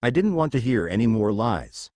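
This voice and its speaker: A man narrating a first-person fan fiction story in an expressive storytelling manner. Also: medium pitch, normal speed, no echo, clean studio sound.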